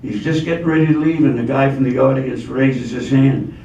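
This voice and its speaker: A man's voice: mid-range voice, fairly quick, dull audio. Older man telling jokes in a roomy hall. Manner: steady storytelling delivery. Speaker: joke teller. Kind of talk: telling jokes to a live audience. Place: hall of a community forum. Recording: roomy, distant sound with faint ambient noise.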